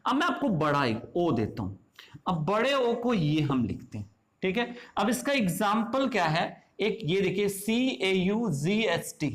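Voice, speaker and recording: A very animated man with a high voice runs an English phonetics lesson like a classroom. He poses questions, supplies the answers himself, drops in brief check-ins, and repeats example words slowly.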